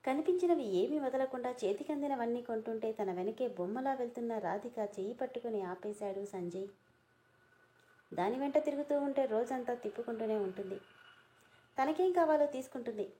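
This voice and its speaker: A woman's voice: fairly high pitch, animated, normal speed, warm tone. A woman reading a story aloud, voicing the dialogue herself. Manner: reads all the dialogue in her own voice.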